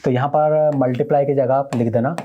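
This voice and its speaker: A man's voice: medium pitch, fairly even intonation, brisk, lo-fi sound, background noise. A male math teacher giving a recorded online lesson, explaining step by step and quizzing his students as he goes.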